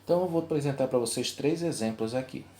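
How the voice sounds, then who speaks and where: A man's voice: mid-range voice, fast talker, warm tone, slight background noise. A young adult man teaching a video lesson, explaining step by step and checking in with his class.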